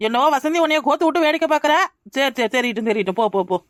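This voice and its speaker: A woman's voice: high-pitched, animated, rapid-fire, no echo, studio quality. Woman doing a blunt scolding village woman. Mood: sarcastic. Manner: scolding, sarcastic. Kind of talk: cartoon voice acting.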